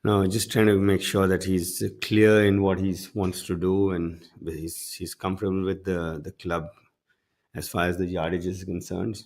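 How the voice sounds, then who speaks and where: A man's voice: sits low, flat delivery, a little slow, darkish tone. A man giving analysis as a golf commentator during live tournament coverage. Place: broadcast studio.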